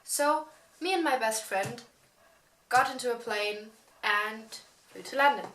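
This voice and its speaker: A young woman of eighteen shares a personal story in a gossipy, chatty vlog style. Her voice sits fairly high and she takes her time, dropping in emphatic asides. The room adds a noticeable echo. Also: unhurried, a bit bright. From Germany. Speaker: vlogger. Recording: roomy echo.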